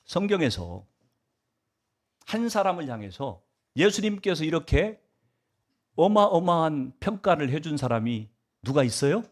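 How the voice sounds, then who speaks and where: A man's voice: fairly high pitch, sing-song, measured pace, long pauses. A male pastor delivering a Sunday sermon, asking the congregation rhetorical questions and swinging his emphasis up and down.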